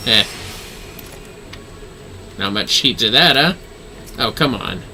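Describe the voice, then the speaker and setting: Music runs under the voice of a man streaming a game live, casually cursing and talking to himself throughout. He speaks at medium pitch and a slow pace, expressive and sharp in tone.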